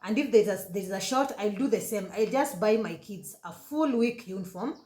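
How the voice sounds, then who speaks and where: A woman in her thirties with a Kenyan accent, telling an emotional personal story on her vlog, halting and correcting herself as she goes, slipping into Swahili. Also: medium pitch, expressive, mellow. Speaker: vlogger. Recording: roomy echoey room.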